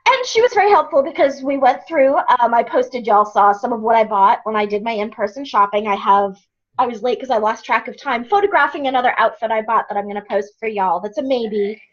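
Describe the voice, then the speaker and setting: A woman's voice: on the high side, lively intonation, fairly quick. Lady rambling thru a story on a video call, lots of ums, kinda muffled lo-fi sound. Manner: rambling storytelling with many fillers. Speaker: program participant. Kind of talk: casual chat on a group video call. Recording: dull lo-fi video call audio.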